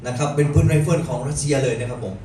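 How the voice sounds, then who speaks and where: Fast-talking male sermon interpreter. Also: medium pitch, steady tone, mellow. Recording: very echoey hall, distant, noisy.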